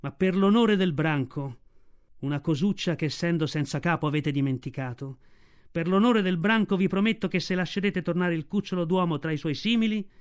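An aging wolf leader addresses the pack with slow, solemn dignity, as a male reader voices him. The speech is measured and grave, an audiobook elder. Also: fairly high pitch, clear, resonant tone, lightly acted.

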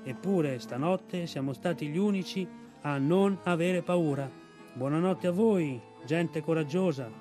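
A man voicing a pair of slow, plodding oxen in an audiobook, solemn in manner. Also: on the high side, dark tone, soft background music, lightly acted. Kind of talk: audiobook reading.

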